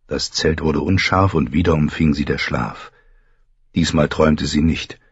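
A man narrating a fantasy audiobook in a measured, even storytelling manner, with a husky voice. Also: a bass voice, dry recording, muffled recording.

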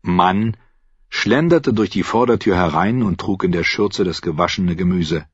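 A man reading a fantasy novel aloud in a steady storytelling manner. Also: low-pitched, measured pace, breathy edge, no echo, dull audio. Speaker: audiobook reader. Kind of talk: scripted narration.

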